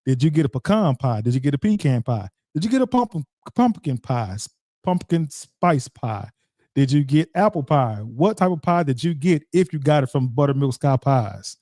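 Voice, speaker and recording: A man's voice: medium pitch, expressive, normal speed, mellow, dry recording, clean studio sound. A man hosting a radio show, rambling casually and talking straight to his listeners with lots of repeats. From Dallas-Fort Worth area, Texas. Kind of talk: casual solo commentary.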